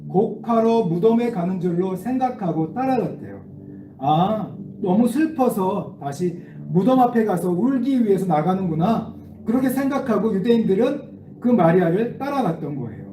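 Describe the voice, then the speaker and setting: A man's voice: high-pitched, normal speed. A man giving a children's sermon, asking the kids questions as he leads them through a Bible passage. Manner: animated, asks the children questions. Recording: echoey room, distant mic, faint noise.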